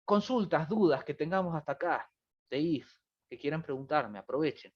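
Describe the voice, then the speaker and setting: A man teaching a programming class over a video call, his pitch rising and falling a lot as he talks. The audio is muffled and lo-fi. He explains patiently and keeps checking that students follow. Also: lively intonation, normal speed. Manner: explanatory, repeats "fíjense" and "¿bien?". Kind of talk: online review class.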